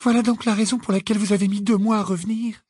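A man voicing a frightened, pleading teenage girl in an audiobook, shrill and breathless. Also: moderate pace, husky, no echo, studio quality. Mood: distressed. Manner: shrill, breathless and high-pitched. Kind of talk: audiobook character reading.

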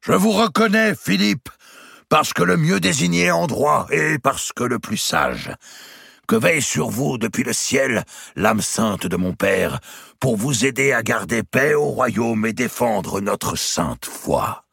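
A demented old nobleman who veers from raving cries to grave oaths, as a man puts him on. His voice climbs high and strained above a gravelly base, with husky grain through the loud words. The storybook reading is dry and close. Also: wildly swooping pitch, measured pace, few pauses, no echo, exaggerated voice. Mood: solemn. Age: older. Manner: lurches from raving shouts to solemn dignity. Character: demented old male duke, wild and erratic.

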